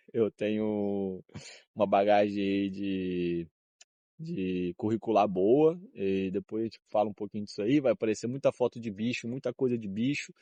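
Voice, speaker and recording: Vlogging outside in the cold wind, a young Brazilian man in his 20s rambles in a slangy, easygoing style, frequently laughing and straying off topic. His voice sits on the low side with a warm tone. There is no room sound, and the audio is dull.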